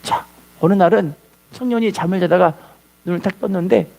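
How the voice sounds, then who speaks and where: A man preaching a sermon as a pastor, telling a story with lively call-and-response. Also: high voice, brisk, gravelly.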